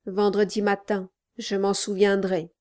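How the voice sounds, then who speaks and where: A woman's voice: medium pitch, monotone, a little slow, a little mellow, natural voice. A woman doing a frail, resigned old man. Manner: faint, resigned. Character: frail, absent-minded old man, weak voice.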